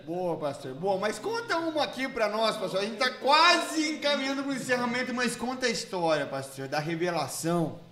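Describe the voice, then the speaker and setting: A man with a Brazilian accent hosting a podcast, teasing his guest and exclaiming loudly in casual banter. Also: high voice, big pitch swings, normal speed, few pauses. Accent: Brazilian Portuguese, São Paulo interior. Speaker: podcast host. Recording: echoey room.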